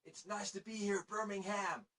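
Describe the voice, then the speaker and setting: A man's voice: steady tone, normal speed. A man mimicking a manic, whooping rock frontman. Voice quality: high, loud, whooping. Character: manic young male rock frontman shouting to a crowd.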